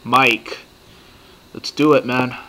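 A man in his thirties rambles through a casual reaction vlog, swearing freely and getting excitable. His voice is bright and sits at a middle pitch. He sounds like he is recording at his computer. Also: slow. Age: 30s. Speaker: vlogger reacting to a TV series.

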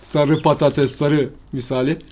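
A man's voice: on the high side, little pitch movement, unhurried, darkish tone. A man giving rambling, slangy commentary while showing a farming game map to his viewers. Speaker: gaming channel host. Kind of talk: casual gameplay commentary.

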